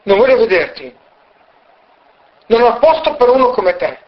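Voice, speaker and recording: A man voicing a rough, arrogant male woodcutter who shouts and dismisses the guest. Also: extremely high pitch, very animated, moderate pace, dull audio, voice pushed up. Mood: hostile.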